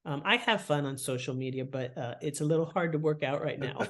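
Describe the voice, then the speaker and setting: Her voice sits low and moves a little fast as she talks casually on a podcast. She's a fiction author and editor, chatty and expressive, dropping into playful acted-out asides and imagined thoughts during her animated explanations.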